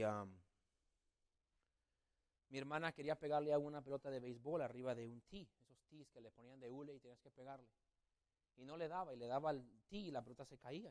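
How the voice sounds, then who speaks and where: Standing in a church sanctuary, a pastor preaches a sermon in a mid-range, somewhat dark voice. He tells a story and acts out the voices of family members.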